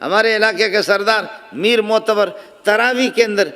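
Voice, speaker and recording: A man preaching a sermon at a conference, telling stories with passion, sometimes soft, sometimes raised for emphasis. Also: high-pitched. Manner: storytelling, impassioned, shifting between soft asides and raised emphasis. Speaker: religious speaker. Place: large conference hall. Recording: long hall reverb.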